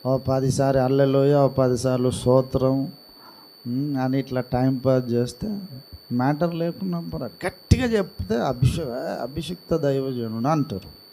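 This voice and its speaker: A man preaching a sermon in a calm, gentle way, speaking softly rather than shouting. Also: medium pitch, moderate pace, gravelly, a little hiss or hum. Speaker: pastor. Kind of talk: slow, soft-spoken Telugu sermon.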